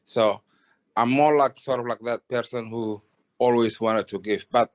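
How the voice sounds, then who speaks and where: A man from Somalia giving a halting personal testimony on a video call, with many restarts and fillers. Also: mid-range voice, fairly even intonation. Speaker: webinar participant. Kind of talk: casual testimony.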